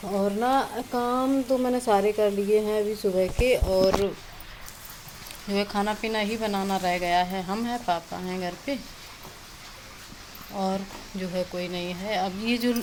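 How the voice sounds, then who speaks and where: A woman chats through a homely vlog in a rambling way, full of fillers. Her voice sits at a middling pitch. Clear background noise from rain and the house runs under her. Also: fairly even intonation, slow pace. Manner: chatty, rambling, many fillers. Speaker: village vlogger. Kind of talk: casual vlog narration. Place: rural home, rain outside.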